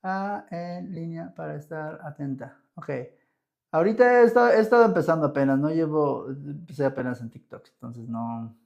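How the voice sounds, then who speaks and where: A man's voice: a little high, moderate pace, vocal fry, a little mellow, highs cut off. A young man from Mexico with a Mexican Spanish accent, teaching English grammar on a live stream, chatting with viewers and checking in with "¿ok?" all the time. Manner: chatty, answers viewer comments, checks in with "¿ok?" often.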